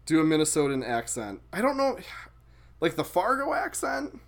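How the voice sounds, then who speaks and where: A man's voice: on the high side, wildly swooping pitch, moderate pace. A young man casually chatting with viewers while streaming a video game, swearing and exclaiming as he plays.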